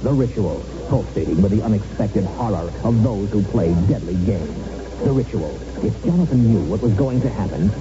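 A man announcing a scripted horror advertisement in a dramatic, ominous manner. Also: lowish voice. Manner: dramatic, sinister. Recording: dull lo-fi radio broadcast. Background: music.

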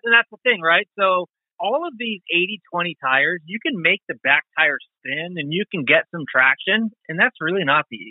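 A man telling lively stories as a podcast guest, acting out what people said, heard over a remote call. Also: no room sound. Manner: animated, acts out quotes with pitch jumps. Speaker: podcast guest, motorcycle tire reviewer. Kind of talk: casual storytelling chat. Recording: tinny phone-like line, dry.

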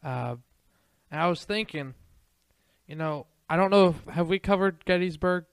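A man co-hosting a paranormal podcast, chatting casually in a halting way with lots of fillers and repeats. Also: on the high side, clear, resonant tone, no room sound. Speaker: podcast co-host. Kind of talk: casual chat.

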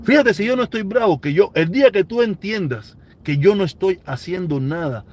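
A Cuban man in his forties, speaking with a Cuban Spanish accent, chats casually on a live stream and answers viewers' comments. His voice is high-pitched and darkish with lively intonation at a moderate pace, and he is emphatic, repeating phrases for weight.

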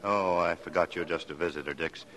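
A weary police detective in a vintage radio drama. His voice is very deep, and he speaks in a plain, matter-of-fact way. He reports the case evenly. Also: fairly quick, a bit bright. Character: Brub, tired police detective husband. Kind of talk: 1940s radio acting.

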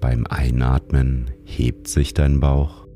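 A man narrates a guided sleep meditation in a soothing, calm manner, like a sleep-story narrator. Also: a bass voice, takes it slowly, soft background music. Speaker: meditation guide and show host.

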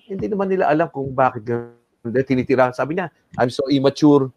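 A middle-aged man telling a story as an interview guest, animated and switching between Tagalog and English, acting out what people said. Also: medium pitch, fast talker, muffled recording.

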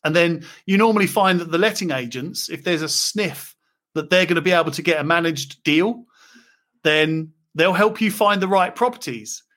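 Man, UK, slightly higher voice; casual interview guest, loose and chatty, lots of fillers. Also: normal speed, fairly bright tone. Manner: chatty, frequent fillers and restarts. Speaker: property investor guest.

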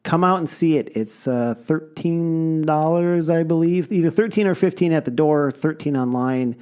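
A forty-year-old man, a music producer and guest, talking in a relaxed, plain way with frequent fillers. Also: on the high side, moderate pace, clear, resonant tone. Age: 40s. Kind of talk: casual chat.

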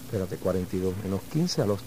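A man speaks as an interview guest. He answers in a reflective, measured way. His voice sits fairly low and sounds dark and mellow. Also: lively intonation, slight background noise, low-quality recording. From Uruguay. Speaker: guest musician.

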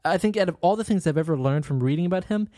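A woman's voice: fairly low pitch, expressive, racing, dark tone, no room sound. Woman casually telling history, dry close mic. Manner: storytelling with fillers and laughs, reads quotes aloud. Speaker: podcast co-host telling history. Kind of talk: casual history podcast chat.

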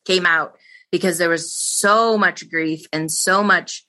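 A woman's voice: lowish voice, fairly even intonation, slow pace, bright, forceful tone. A woman hosting an interview in an earnest, heartfelt way. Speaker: podcast host. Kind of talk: casual interview chat.

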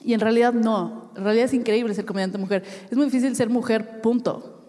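A woman's voice: on the high side, steady tone, fairly quick, mellow, long reverb tail. A woman in her thirties with a Mexican accent performing a live stand-up routine on stage, chatty and swearing casually as she laughs at her own jokes. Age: 30s. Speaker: stand-up comedian. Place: comedy stage before a live audience.

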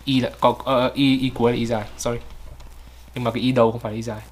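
A man's voice: mid-range voice, flat delivery, rapid-fire. A man chatting casually while he critiques recorded English reading, repeating words aloud to show how they should sound. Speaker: host reviewing pronunciation.

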